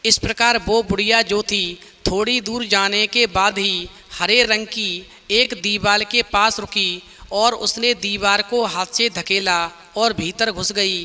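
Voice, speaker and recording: A man tells a devotional folk tale in an earnest, steady storytelling cadence. His voice sits high for a man and has a very sharp, tense, cutting edge. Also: measured pace.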